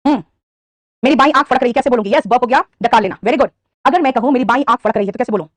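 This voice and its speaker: Indian woman, vocabulary teacher, high voice, dry close mic, online class. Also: very fast, no echo. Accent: Indian English. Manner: addresses students as beta, quizzes and praises them. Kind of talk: online live class, Hindi mixed with English.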